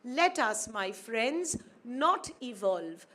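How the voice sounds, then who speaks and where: A high, slightly bright, sing-song voice carries this slow speech by an Indian academic woman, first language Urdu, invited as guest speaker. The setting is a formal ceremony in a university auditorium, and her manner is measured and formal, with phrases repeated for emphasis.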